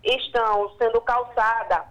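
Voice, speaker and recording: A woman's voice: a little high, fairly even intonation, measured pace, fairly bright tone. A woman calling in to a radio show over a phone line that keeps cutting out, speaking affectionately to the host. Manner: affectionate, calls the host dear. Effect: breaking-up phone line. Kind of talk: call-in phone chat. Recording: muffled cutting-out phone call.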